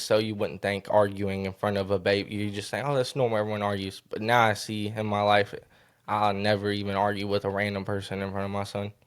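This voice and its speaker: A young man speaks in a fairly low voice, telling his story as a podcast guest. He is halting and earnest, and he often repeats and restarts his sentences. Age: young adult. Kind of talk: emotional personal story in a podcast interview.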